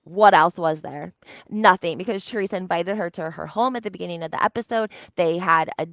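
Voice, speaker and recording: Here a woman whose voice sits on the low side and sounds a bit bright talks a little fast. She riffs on reality TV in a casual, opinionated, emphatic way, repeating herself and tossing out rhetorical questions. Expect roomy echo and somewhat dull lo-fi audio.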